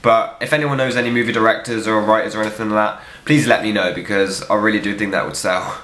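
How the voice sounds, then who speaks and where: A young man, a film reviewer, answering viewer questions in a casual vlog, blunt, joking and quick to swear. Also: lowish voice, fairly even intonation, fairly bright tone. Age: young adult. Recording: echoey room.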